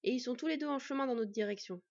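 A woman's voice: on the high side, fast talker, darkish tone, highs cut off. A woman voicing a young half-elf man in a read-aloud story, teasing and trying to sound confident and soothing. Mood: reassuring.

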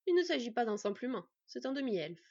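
A calm male elf who speaks nonchalantly and tries to soothe others, voiced by a woman reading a storybook. The voice is breathy and fairly high for a man, close and dry in a dull recording. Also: fast, no room sound. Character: calm, easygoing male elf, elder brother.

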